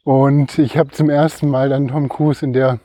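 A middle-aged man co-hosting a casual podcast, telling stories haltingly as he talks while running outdoors. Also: medium pitch, little pitch movement, mellow, no echo. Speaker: podcast co-host. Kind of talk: casual storytelling chat. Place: outdoors, on the move.

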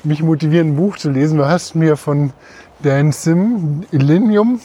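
A man's voice: on the high side, steady tone, normal speed, mellow. A man co-hosting a casual podcast, talking as he walks along outdoors. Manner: talking while on the move outdoors. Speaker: podcast co-host. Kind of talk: casual podcast chat while walking. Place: outdoors on a city route beside railway tracks. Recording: outdoor ambient noise, passing vehicles.

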